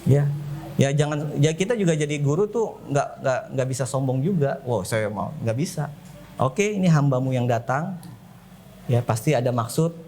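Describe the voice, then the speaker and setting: A man's voice: on the high side, animated, moderate pace, warm tone, slight background noise. A man speaking at an educational seminar for parents in a school. His talk is conversational, and he acts out dialogues in a rising voice.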